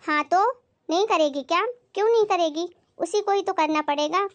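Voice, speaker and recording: A woman's voice: very high-pitched, normal speed, no room sound. A woman playing a nagging, scolding mother-in-law. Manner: complaining, sharp-tongued, self-righteous. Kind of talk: comedy skit acting.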